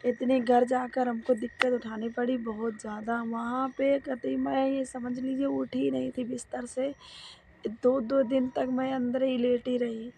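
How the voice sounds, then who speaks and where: A hoarse woman, clearly unwell, talks casually into her phone outdoors while walking. Her voice is gravelly, somewhat high and monotone, and she coughs often and sounds tired. Faint evening ambience sits in the background. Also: a little slow. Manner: straining to speak, tired. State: hoarse, sick with cold and cough. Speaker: vlogger. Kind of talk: casual vlog chat. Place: village road outdoors at dusk.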